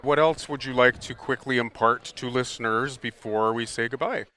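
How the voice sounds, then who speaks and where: A man's voice: mid-range voice, steady tone, normal speed, bright, forceful tone. A man in his fifties hosting a casual, friendly interview at an expo booth, chatty and curious. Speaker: podcast host.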